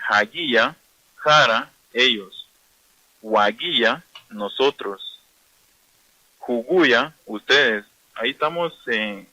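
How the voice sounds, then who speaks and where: Bright-voiced male language teacher. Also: mid-range voice, no echo, poor audio. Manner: slow, explanatory, repeats words for learners. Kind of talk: radio language lesson.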